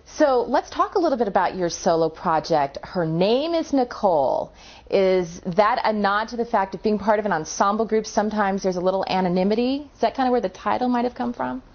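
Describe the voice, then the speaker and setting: A woman's voice: mid-range voice, expressive, a little fast. A woman hosting an interview, asking questions in an upbeat way. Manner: upbeat, laughs often. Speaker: interview host. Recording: dull lo-fi sound.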